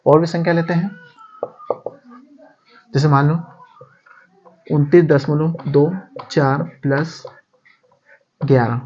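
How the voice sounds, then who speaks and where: A man's voice: on the high side, a little mellow. A man teaching maths in a casual step-by-step lesson, calling viewers friends and asking rhetorical questions as he goes. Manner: addresses viewers as friends, repeats steps, asks rhetorical questions. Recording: dull lo-fi sound.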